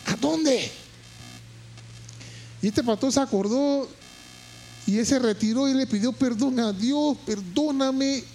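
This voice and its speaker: A man preaching a sermon, moving from quiet storytelling to shouted, impassioned high points and repeating phrases for emphasis. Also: measured pace, long pauses, soft background music. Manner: repeats words and phrases while telling a story.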